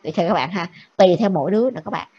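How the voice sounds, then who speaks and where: A woman's voice: on the low side, mellow. A woman teacher gives a classroom lecture, checking with the students after nearly every point. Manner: brisk, keeps checking with the class. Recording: dull lo-fi with faint noise.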